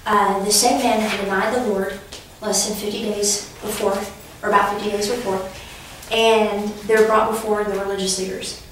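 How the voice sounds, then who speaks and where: At a normal speed and medium pitch, this woman's flat delivery reaches the mic from a distance in a reverberant room, with slight background noise. She is a Bible teacher conducting a preaching class through friendly stories, laughing at times as she shares them.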